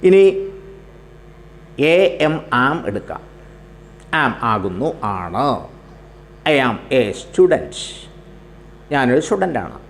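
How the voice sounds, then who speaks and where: A man's voice: mid-range voice, slight background noise. A man teaching grammar and pronunciation in his words. He explains patiently, spells words out letter by letter and repeats them. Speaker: English teacher. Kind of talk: spoken English grammar lesson.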